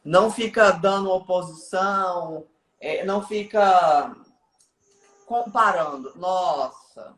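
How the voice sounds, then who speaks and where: A woman's voice: lowish voice, takes it slowly, roomy sound. A woman speaking as a guest on a live stream, explaining in a teaching way and often checking in with the listener.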